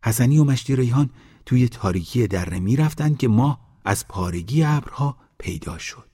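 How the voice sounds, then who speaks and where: A man reading a folk tale aloud in a measured, even narration. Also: medium pitch, breathy edge. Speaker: storyteller.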